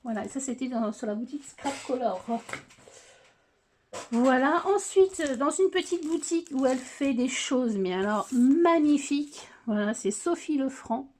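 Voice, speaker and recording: Chatty woman with a slightly high voice. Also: animated, brisk, few pauses, darkish tone, a little hiss or hum. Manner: hesitant, many filler sounds and restarts. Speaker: scrapbooking vlogger. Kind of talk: casual chat showing craft purchases.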